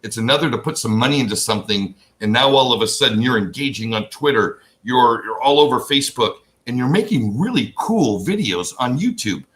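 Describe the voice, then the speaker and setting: A man's voice: mid-range voice, lively intonation, brisk, few pauses, fairly bright tone. An older man hosting an interview show, talking in an enthusiastic, rambling way with frequent restarts. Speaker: host. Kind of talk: casual interview chat.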